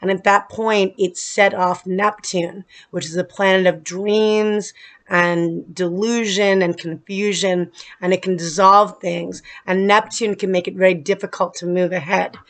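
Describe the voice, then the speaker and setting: A woman's voice: medium pitch, steady tone, measured pace, fairly bright tone. A woman astrologer talking casually to her viewers, explaining planetary events while she is losing her voice and stumbles a little now and then. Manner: explanatory, with some restarts and filler. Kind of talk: casual astrology talk to camera. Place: humid place.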